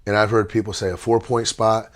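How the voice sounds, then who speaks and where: A man with a fairly low voice hosts a relaxed podcast interview. He talks in a chatty, storytelling way and turns playful now and then. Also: brisk. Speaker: podcast host. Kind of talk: casual interview.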